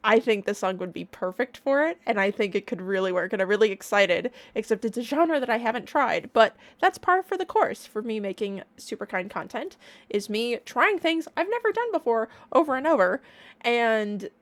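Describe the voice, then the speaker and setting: A woman streamer giving a casual, excited reaction in a playful, bubbly, gushing way. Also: a little high, normal speed. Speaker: online reaction streamer and music creator.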